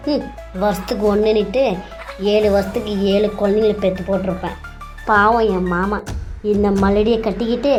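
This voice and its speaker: A woman's voice: medium pitch, a little mellow, lightly acted. A woman voicing a spiteful, scheming young woman who taunts and sneers.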